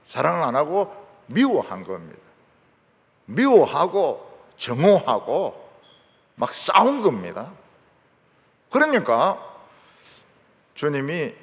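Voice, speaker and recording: A middle-aged male pastor delivers a sermon from the pulpit. His fairly high voice swings widely up and down, and he drives his points home by repeating them. His words carry a long reverb from a large sanctuary. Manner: emphatic, repeating key phrases, lively rising and falling delivery.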